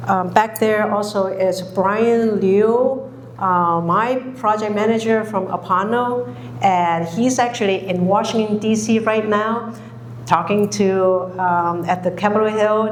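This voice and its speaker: A woman who grew up in Hong Kong, giving a public talk, speaking slowly with many pauses and fillers. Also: medium pitch, a little hiss or hum. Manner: slow, halting, many fillers. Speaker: guest speaker. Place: lecture hall. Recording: echoey hall recording.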